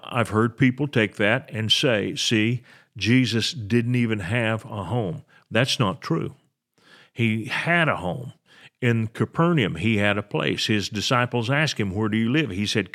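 An older man, a pastor, teaching a sermon and explaining Bible verses, slowing down to stress key words. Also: mid-range voice, fairly bright tone.

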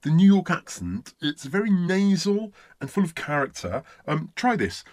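A man's voice: on the high side, sing-song, moderate pace, a little mellow, no room sound, studio quality. A man from Essex, an accent coach in a comedy sketch interview, talking in a pompous, self-important way. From Essex, England.

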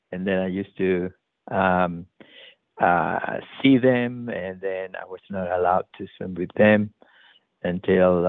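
Gravelly, halting man with a Chilean accent. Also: low voice, no echo. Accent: Chilean Spanish. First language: Spanish. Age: middle-aged. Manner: halting, many fillers and restarts, laughs easily. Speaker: open water swim coach. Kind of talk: casual interview answer. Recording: dry phone-like line.

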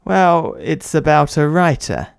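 A man's voice: on the high side, sing-song, slow pace, creaky, clean tone, dry recording, clean studio sound. A man telling a comic audio story, talking in a pompous, flustered and hesitant way as the writer. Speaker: podcast writer and narrator.

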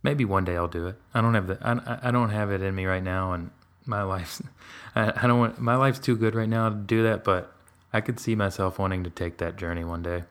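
Casting: man with a very low voice, candid and rambling, casual podcast chat. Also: a little fast, few pauses, fairly bright tone. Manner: candid, rambling with many fillers and restarts.

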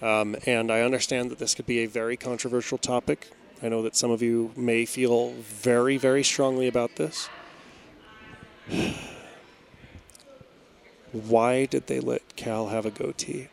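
A man hosting a casual podcast discussion and steering his panel with questions. His delivery is playful and lightly wry. His voice sits at a middle pitch. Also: flat delivery, a little slow, creaky, long pauses. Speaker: podcast host. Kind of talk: casual review chat.

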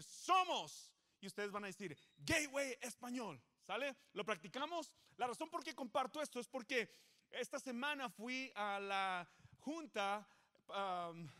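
A man, a pastor leading a lively sermon in church with call-and-response and joking asides to the congregation. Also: high voice. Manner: animated, joking, coaxing the crowd. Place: church service before a congregation.

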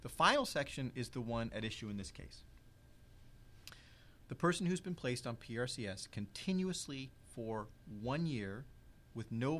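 A man explaining legal rules in an interview, measured and precise, stressing key words. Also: on the low side, fairly bright tone, slight background noise. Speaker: legal expert guest.

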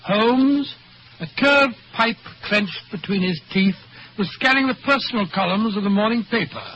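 High-voiced elderly British Doctor Watson. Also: male voice, moderate pace, pushed and bright. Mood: grave reminiscing. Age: older. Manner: avuncular, old-fashioned storyteller. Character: elderly, genial, lonely English doctor reminiscing. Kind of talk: 1940s radio acting. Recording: dull, hissy 1940s radio recording.

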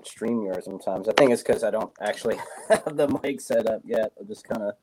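A man guesting on a podcast from a remote call, talking through earbud headphones with a crackling, distorted mic signal and a halting way of speaking. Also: lowish voice, darkish tone. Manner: halting, full of fillers like "uh" and "you know". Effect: crackling, distorted mic audio. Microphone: iPhone earbud headset mic over a streaming call.

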